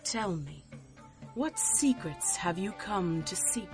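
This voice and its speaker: An actress playing an imperious, curt mystic seer in an audio drama, with a haughty, theatrical and deadpan delivery. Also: female voice, on the low side, slow, over music. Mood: solemn, mystical.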